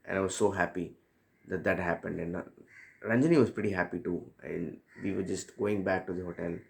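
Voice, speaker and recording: A man from India with a low, gravelly voice tells a personal story in a relaxed, spoken way. He talks reflectively, pausing on fillers and correcting himself as he goes. His deep tone has a rough, creaky edge. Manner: reflective, rambling, with frequent fillers and self-corrections. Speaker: football fan telling a personal story.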